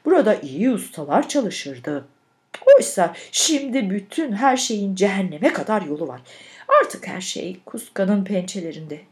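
A woman's voice: medium pitch, lively intonation, a little slow. A woman voicing a brooding, embittered male craftsman who grumbles gloomily. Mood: bitter.

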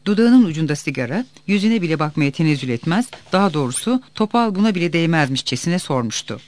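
Expressive male audiobook narrator. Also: on the high side, fast talker. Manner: expressive storytelling.

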